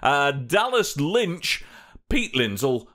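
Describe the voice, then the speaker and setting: Male podcast host, higher-pitched and lively, jokey and mock-formal in casual chat. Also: slow.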